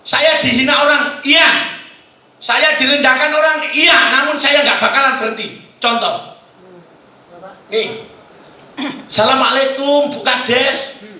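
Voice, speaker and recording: A man with an East Javanese accent giving a motivational sales seminar in a hotel hall, quizzing the audience and bursting into shouts. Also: extremely high pitch, slow, long pauses. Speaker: seminar presenter. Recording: very echoey hall.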